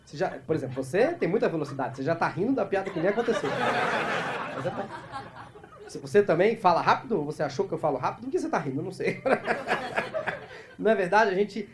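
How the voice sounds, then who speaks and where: A man from Brazil doing improvised stand-up crowd work, talking fast and teasing the audience on a club stage. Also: high-pitched, very animated. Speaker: stand-up comedian. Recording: live club recording with audible crowd noise.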